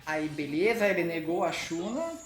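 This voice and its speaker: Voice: medium pitch, animated, moderate pace. A Brazilian Portuguese speaker giving casual card game commentary in an informal manner, often checking in with short tag questions. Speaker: gaming channel host. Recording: roomy echo with faint music. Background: music.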